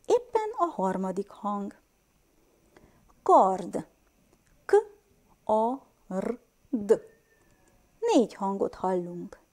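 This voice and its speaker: A woman teacher with a Transylvanian Hungarian accent giving a first-grade reading lesson, sounding out words slowly and asking the children questions. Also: medium pitch, mellow.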